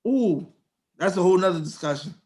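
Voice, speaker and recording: A man's voice: high voice, animated, fairly quick, a little mellow. A young man, co-hosting a podcast and telling a story in slangy casual chat, acting out quotes in a raised voice. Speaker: podcast co-host.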